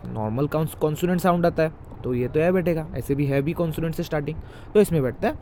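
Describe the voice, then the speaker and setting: A man's voice: a little high, quick pace, dark tone, a little hiss or hum. A man teaching English grammar in a classroom style, explaining and quizzing the listener with repeated questions.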